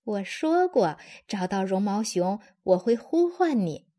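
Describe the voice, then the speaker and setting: A woman's voice: medium pitch, very animated, unhurried, dark tone. A woman reading a storybook, voicing a cheeky young prankster cousin who talks in a teasing, cheerful way.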